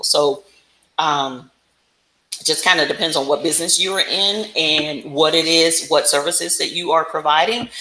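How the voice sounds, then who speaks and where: Speaking in a low, pushed, bright voice, a woman coaches on business in a conversational livestream, repeatedly checking in with listeners with tags like "right?". Echo from the room is noticeable.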